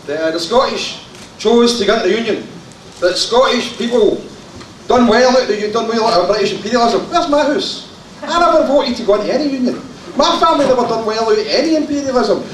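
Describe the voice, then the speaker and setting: A Glaswegian man giving an impassioned, shouted conference floor speech with joking asides. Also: very high-pitched, lively intonation, fairly quick. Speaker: party conference delegate. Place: large conference hall. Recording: echoey hall from far off, faint crowd and hiss.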